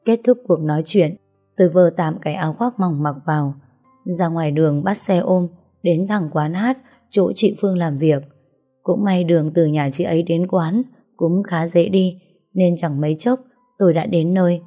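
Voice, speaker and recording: A woman narrating an audiobook story with a measured, dramatic storytelling manner. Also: fairly low pitch. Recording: soft music under the reading.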